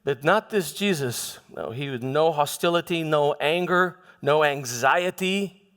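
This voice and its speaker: Speaking as Pontius Pilate, a church performer recounts events in a first-person dramatic monologue, the troubled governor justifying himself with emphatic repetition before a congregation. The man's fairly high voice is clear, resonant and fairly bright, moving at a measured pace. The large hall gives the recording a long reverb.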